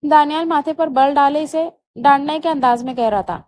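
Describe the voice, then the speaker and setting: A woman narrating a romance novel aloud in a steady storytelling manner. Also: sits high, normal speed.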